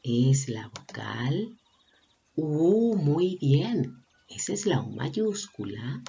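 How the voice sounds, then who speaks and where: A woman teacher gently leading a slow vowel lesson for preschool children, asking them questions and praising them. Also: rumbling low, very animated, creaky, muffled recording, a little hiss or hum. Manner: affectionate, encouraging, asks children questions. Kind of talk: slow, sing-song lesson for young children.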